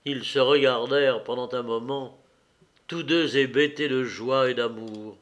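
A man narrating a classic novel in a slow, measured reading. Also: medium pitch, fairly even intonation. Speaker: audiobook narrator. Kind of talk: literary narration.

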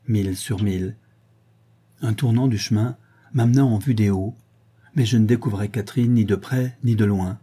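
Man, audiobook narration, measured, expressive, low, very dark, husky. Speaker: audiobook reader. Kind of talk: scripted narration of a novel.

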